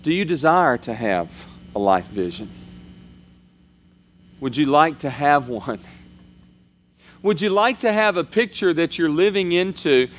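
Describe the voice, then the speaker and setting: A man's voice: fairly high pitch, expressive, a little slow, pauses often, a little hiss or hum. A man preaching a sermon as pastor, in a conversational style, his voice rising and falling for emphasis.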